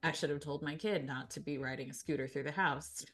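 A woman in her thirties, a guest co-host on a casual podcast, telling a story in an animated way and acting out what people said. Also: deep voice, a little fast, faint music behind. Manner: animated storyteller, acts out quotes.

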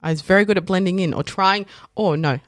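This woman talks at a quick pace in a fairly low voice; the studio-quality recording has no room sound. A South African raised in Australia, she guests on a podcast, telling stories animatedly, mimicking other people's lines, with frequent fillers and self-corrections.

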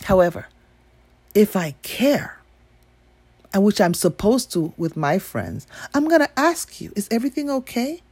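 A woman's voice: mid-range voice, very animated, a little slow, long pauses, a little mellow, slightly rough, no room sound. A woman from Nigeria giving a blunt, emphatic opinion monologue with free swearing.

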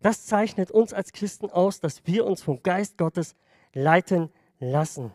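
A man's voice: high-pitched, lively intonation, a little slow, dark tone, no echo, studio quality. A man preaching a sermon to his congregation in a conversational way, often checking in with them. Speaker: pastor.

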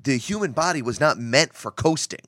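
Casting: male, frat-bro type, sharp forceful voice, very animated, sweary casual chat. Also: mid-range voice, moderate pace, no echo, studio quality. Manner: hyped frat-bro talk, heavy swearing.

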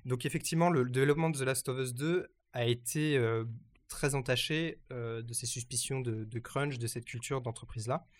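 A man hosting a casual news chat, often pausing and restarting his sentences. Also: medium pitch, steady tone. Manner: hesitant, many fillers and restarts.

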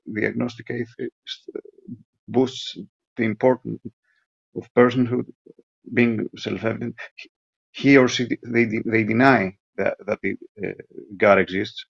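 A voicemail caller with a creaky, raspy, lowish voice delivers a pedantic lecture, halting, stumbling and repeating himself. The recording is dry, muffled and lo-fi, with no room sound.

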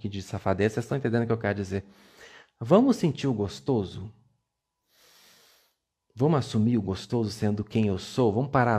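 A man's voice: mid-range voice, darkish tone, slightly rough. A man, giving a playful, coaxing motivational talk on a live stream and repeating words for emphasis. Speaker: live-stream self-esteem coach.

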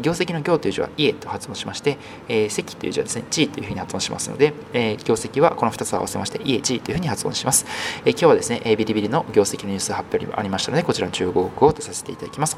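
A man hosts a business news podcast, rattling off market figures at a very fast clip in a lowish voice. His delivery is polite and explanatory, peppered with hesitation fillers. Traffic noise from outdoors is clearly audible behind him. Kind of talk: casual news commentary.

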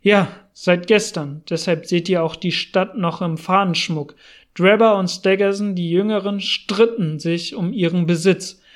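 A man's voice: high-pitched, fairly even intonation, measured pace. A man voicing a frightened older male settler in an audiobook, speaking urgently and anxiously.

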